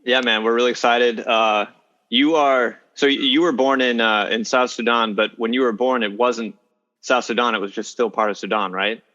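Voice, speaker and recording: A man co-hosting a podcast, asking questions casually and haltingly. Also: medium pitch, steady tone, bright, forceful tone. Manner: halting, stumbling over questions. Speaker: podcast co-host. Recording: dull audio with long reverb.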